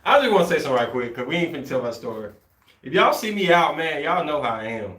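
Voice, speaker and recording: A man co-hosting a podcast in casual chat, laid-back and slangy, getting animated when he rants. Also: a little high, fast, reverberant. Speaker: podcast co-host.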